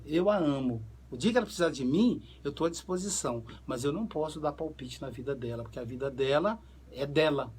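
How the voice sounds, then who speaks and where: A man with a fairly high, husky voice, working as a psychoanalyst. He tells family stories in a relaxed conversational way and gives the people in them their own voices as he goes. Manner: animated storyteller, acts out quoted dialogue. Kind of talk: conversational talk on family relationships.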